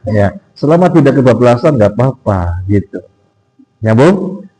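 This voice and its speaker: A man preaching in a mosque, his voice mellow and mid-pitched. He talks in a chatty, teasing way, often quizzing his listeners. When he quotes others, his voice climbs into a strained, raised pitch. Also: expressive, unhurried, low-quality recording. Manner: chatty and teasing, questions the audience and laughs. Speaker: ustadz giving a pre-Ramadan study talk. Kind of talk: informal sermon.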